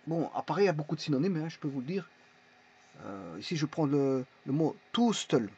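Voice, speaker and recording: Male teacher, husky and a bit high, halting explanations, dull lo-fi sound. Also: animated, warm tone. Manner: halting, many fillers and restarts. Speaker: language teacher. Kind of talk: casual explanatory lesson. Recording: dull lo-fi recording.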